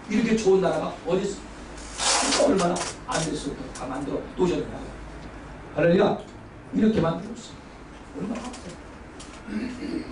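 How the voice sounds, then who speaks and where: High-voiced preacher shouting in an echoing hall. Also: male voice. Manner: exuberant, shouts and leads call-and-response. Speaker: pastor. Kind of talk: lively sermon lecture. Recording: roomy hall from far off, faint background noise.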